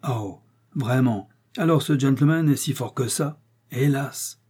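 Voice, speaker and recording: A man voicing an excitable, impatient American male detective who fires off insistent questions in an audiobook. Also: medium pitch, measured pace, breathy edge. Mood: pressing. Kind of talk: audiobook character voice.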